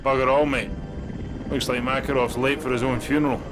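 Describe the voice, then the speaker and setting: Sniper, laconic, dry military chatter, helmet radio, mid-pitched voice, music behind. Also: male voice, level tone, fairly quick. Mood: terse. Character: laconic male sniper on overwatch. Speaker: soldier in a game briefing.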